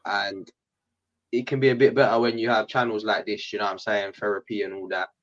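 A man's voice: fairly low pitch, little pitch movement, fairly quick, a bit bright, highs cut off. A man with a London roadman accent, chatting casually in street slang as a podcast guest. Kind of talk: casual chat.

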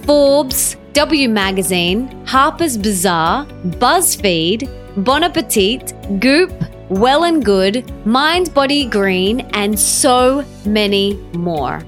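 Woman, podcast host, fairly high voice, enthusiastic, faint music behind. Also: expressive, takes it slowly. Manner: enthusiastic, gushing. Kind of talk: scripted intro, then interview.

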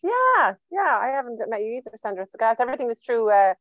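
A woman's voice: a little high, very animated, fast, fairly bright tone, dry recording, lo-fi sound. A middle-aged woman with a West of Ireland accent chatting casually over a remote call, rambling a little and repeating words as she goes. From County Galway, Ireland. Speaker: guest singer on a podcast. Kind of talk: casual chat. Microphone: remote phone or computer call.

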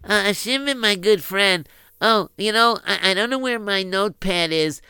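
A man's voice: sits high, normal speed, sharp tone, clean tone, dry recording, pitched above the performer's own voice, heavily acted. A man voicing a friendly, scatterbrained schoolboy who stammers and chirps. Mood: flustered friendly. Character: scatterbrained boy classmate, friendly and flustered.

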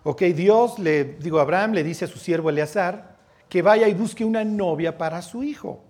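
A man's voice: high-pitched, moderate pace, darkish tone. A man with a Mexican Spanish accent teaching a Bible sermon in a chatty way, often checking in with his listeners and dropping slangy asides. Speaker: preacher.

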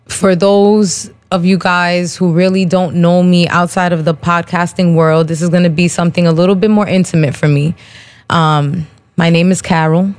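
A New Jersey woman in her thirties, with a fairly low, darkish voice, hosts a podcast and speaks directly to her listeners. Her casual personal monologue is candid and slangy, full of "um"s between thoughts.

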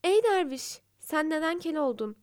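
A woman's voice: sits high, sing-song, normal speed, voice pushed up. A woman voicing a cheeky, mocking parrot in a storybook fable.

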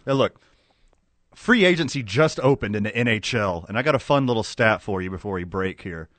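A man's voice: on the low side, expressive, brisk, fairly bright tone, no room sound. A man co-hosting a sports radio show with casual, bantering talk.

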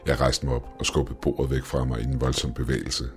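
A man reading a first-person story aloud in a measured, brooding way. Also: extremely low pitch, flat delivery, darkish tone, soft background music. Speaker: narrator.

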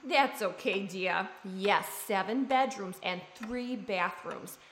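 A woman's voice: medium pitch, a bit bright, a little hiss or hum. A woman playing a folksy estate agent who gives a chatty, homespun house tour. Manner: slow, folksy sales talk. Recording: roomy echo.

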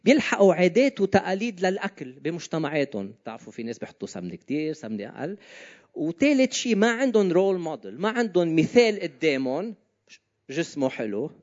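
A man's voice: a little high, darkish tone. A man with a Levantine, Lebanese Arabic accent gives an informal sermon, talking conversationally and often putting questions to his listeners. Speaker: preacher. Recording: slightly dull, lo-fi sound.

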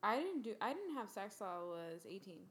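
A woman hosts a loose conversation in a blunt, teasing, chatty way. Her voice sits at an ordinary middle pitch. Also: very animated, moderate pace, a little hiss or hum. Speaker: host. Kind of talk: casual chat.

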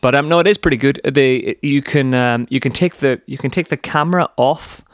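A man's voice: mid-range voice, brisk, dry recording, clean studio sound. A man co-hosting a casual podcast chat, enthusiastic, repeating himself and trailing off mid-sentence. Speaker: podcast co-host.

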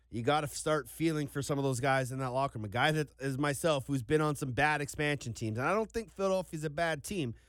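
A man's voice: medium pitch, no room sound, clean studio sound. A man hosting a conversational sports recap as an analyst.

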